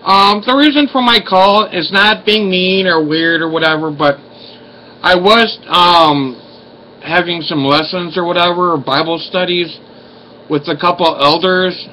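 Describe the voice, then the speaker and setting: Man in his forties with a slight lisp after oral surgery, fairly high and bright voice, rambling and apologetic. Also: unhurried, a little hiss or hum, rough recording. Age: 40s. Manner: rambling, apologetic, with many fillers and restarts. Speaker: vlogger. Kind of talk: casual vlog monologue and recorded phone call.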